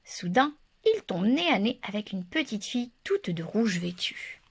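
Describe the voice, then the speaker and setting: A woman reading a children's story aloud in a lively, expressive way. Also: medium pitch, measured pace, a little hiss or hum.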